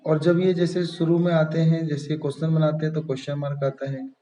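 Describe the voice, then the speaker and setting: A man's voice: on the high side, flat delivery, brisk, mellow. Male Hindi grammar tutor, echoey room. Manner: patient, repeats key terms, frequent "ठीक है" checks. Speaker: English grammar teacher. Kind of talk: step-by-step classroom explanation.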